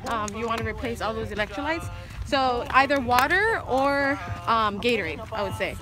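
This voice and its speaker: Here the same young woman, a fitness vlogger in her twenties, sounds animated, with a fairly high voice and a moderate pace. She's giving fitness tips on a hillside trail, chatty and full of "um"s, filmed on a camera carried as she walks, with music behind her.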